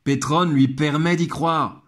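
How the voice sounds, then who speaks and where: A man's voice: on the high side, steady tone, unhurried, a bit bright. A man giving a comic book analysis in a familiar tone who speaks directly to the viewer and savors the lines he quotes. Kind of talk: video analysis commentary.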